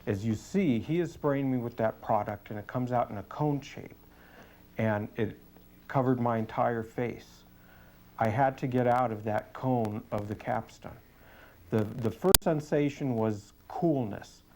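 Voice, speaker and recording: A man speaking as a police sergeant giving a testimonial in an interview, earnest, deliberate and matter-of-fact. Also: mid-range voice.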